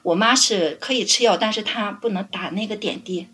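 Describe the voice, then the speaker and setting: A middle-aged woman caring for her parents, telling stories in a lively way and laughing often. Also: mid-range voice, fairly quick, breathy edge. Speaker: family caregiver guest. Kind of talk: casual interview storytelling.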